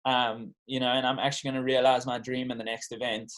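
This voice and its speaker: Speaking fast in a level, fairly bright mid-range voice, this South African professional bodyboarder recounts his story in a casual interview, earnest, informal and reflective. The recording is rough.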